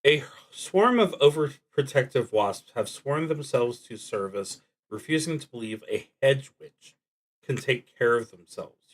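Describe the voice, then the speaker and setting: A man with a mid-range voice streams a solo roleplaying game, reading prompts aloud and thinking through them deliberately. His halting speech tends to trail off into muttering, and the recording is rough.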